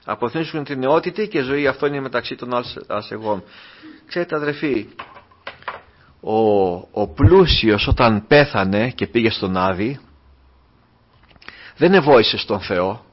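A man preaching a sermon, earnest and repetitive, moving from soft, quiet asides to raised, urgent exhortation. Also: medium pitch, pauses often. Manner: repeats refrains, addresses listeners as brothers. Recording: dull lo-fi sound.

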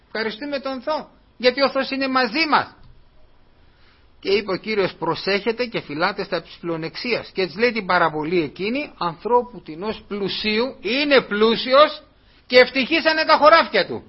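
A man's voice: sits high, animated. A man preaching a sermon in an earnest, repetitive way, often calling his listeners brothers. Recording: dull lo-fi recording.

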